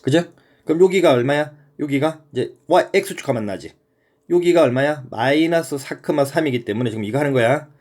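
A man's voice: on the high side, expressive, normal speed, a little mellow. A man teaching a middle-school math lesson in a casual, conversational way, often checking that the student follows.

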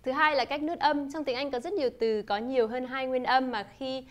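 Woman teacher with a higher voice, explaining clearly. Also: fairly even intonation. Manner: clear, measured explaining, demonstrating English sentences. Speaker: English teacher. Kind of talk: scripted lesson narration.

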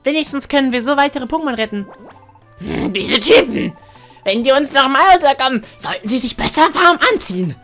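A woman voicing an earnest little monster hero from a video game, excitable and protesting. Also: high-pitched, fairly quick, faint music behind, voice pushed up. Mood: determined.

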